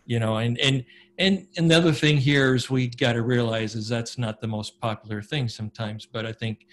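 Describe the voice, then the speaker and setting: A man's voice: medium pitch, steady tone, moderate pace. A man speaking as an interviewer in an earnest, conversational way. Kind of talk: casual interview talk.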